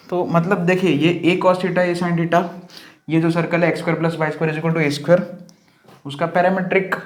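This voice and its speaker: Male maths teacher, mix, patient and repetitive, echoey classroom sound. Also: on the high side. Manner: patient, repeats key terms, self-corrects. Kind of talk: lecture explaining on a board.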